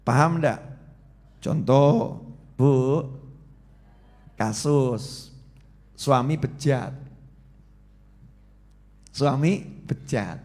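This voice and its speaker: A man, preaching a religious study sermon with animated storytelling and acted-out quotes. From Indonesia. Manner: animated storytelling, acts out quotes with shifting pitch and loudness.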